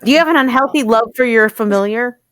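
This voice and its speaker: A woman role-playing in a tabletop game, speaking in a teasing, animated way. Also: a little high, fast, dry recording, clean studio sound.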